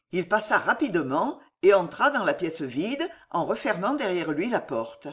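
A reader giving measured, expressive narration of a historical novel. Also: medium pitch. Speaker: audiobook narrator.

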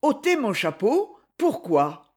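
A reader voicing a proud young Swiss woman with quick, indignant retorts, in a husky voice. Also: mid-range voice, very animated, darkish tone, heavily acted. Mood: lively. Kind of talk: audiobook character voice.

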